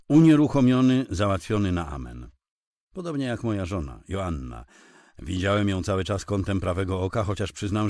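A male narrator reads a first-person crime story with a low voice that moves freely up and down. The delivery is dramatic and expressive. The recording is close and dry, with no room sound. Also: no room sound. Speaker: audiobook narrator.

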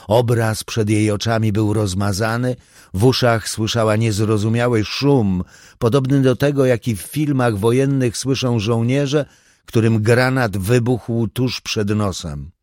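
A man reading a thriller audiobook in a measured, even storytelling manner. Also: medium pitch, no echo, clean studio sound. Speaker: audiobook narrator. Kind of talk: scripted thriller narration.

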